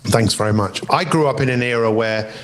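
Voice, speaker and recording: A man's voice: medium pitch, fairly quick. A man in his fifties hosting a podcast as a life coach, talking in a reflective, easygoing way. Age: 50s. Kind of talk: podcast conversation.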